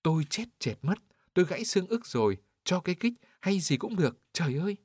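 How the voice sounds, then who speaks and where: A man's voice: mid-range voice, big pitch swings, fairly quick, dry recording. A man voicing a desperate old man trapped under a cart in an audiobook, crying out in a raised voice. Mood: wailing. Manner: wailing, desperate cries.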